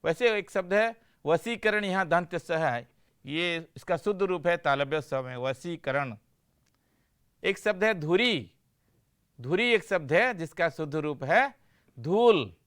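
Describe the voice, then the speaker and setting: A man's voice: high-pitched, animated, measured pace, a bit bright, smooth. A man teaching a Hindi lesson for a broadcast class, explaining patiently, asking questions and answering them himself.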